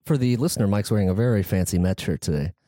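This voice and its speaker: An easygoing man joins casual podcast banter and cues up listener voicemails. His voice sits on the low side. The sound is close and dry. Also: fast, warm tone, no room sound. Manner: easygoing, reads listener mail.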